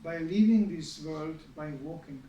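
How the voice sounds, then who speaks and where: High-voiced man telling a sermon story. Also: unhurried, muffled recording, slight background noise. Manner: conversational, many asides to the audience. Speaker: spiritual teacher giving a scripture class. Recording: echoey hall, mic at a distance.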